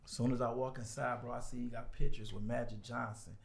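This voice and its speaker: A man guest on a podcast telling a story in casual chat, animated and acting out the people he quotes. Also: medium pitch, brisk, vocal fry, reverberant. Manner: animated, acts out quoted voices.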